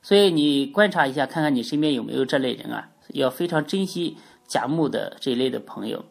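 A woman's voice: extremely low pitch, expressive, fairly quick, creaky, breathy edge. A woman with a stuffy, congested nose from a cold gives an explanatory spoken lesson as the host, phrasing her points emphatically. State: has a cold. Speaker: teacher of Chinese astrology, hosting an audio programme.

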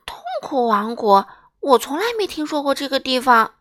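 A woman's voice: sits high, moderate pace, a bit bright. A woman voicing a friendly, grinning man in a children's story.

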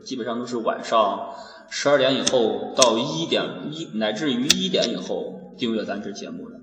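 A young man from Guanzhong, Shaanxi, China, hosts a student audio show, chatting casually in a joking, teasing way. He has a medium pitch, lively intonation, and a moderate pace. He recorded on basic equipment in a small, empty, echoey classroom, with loud background music and a noisy backdrop.

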